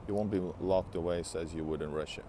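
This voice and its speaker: A man's voice: low-pitched, fairly even intonation, a little fast, background noise. A man in his thirties, live-streaming on foot outdoors through an earbud headset mic, chatting to viewers in a rambling way with many restarts, sounding tired. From Latvia and Finland. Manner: rambling, restarts often, talks back to chat. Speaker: live-streaming travel vlogger. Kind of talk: casual live stream chat answering viewers. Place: outdoors on a city street beside a large building. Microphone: wired earbud headset, phone held at arm's length.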